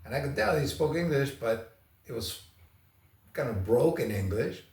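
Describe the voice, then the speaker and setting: A man from Argentina shares casual first impressions as a travel vlogger, rambling through anecdotes in a conversational way. His medium-pitched voice is animated and creaky at a moderate pace, recorded with roomy echo on a distant microphone.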